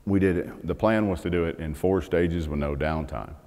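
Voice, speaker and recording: On a large conference hall stage, a middle-aged man gives a technical talk in a conversational way, with fillers and restarts. He has a low, darkish voice at normal speed, and a long hall reverb trails his words.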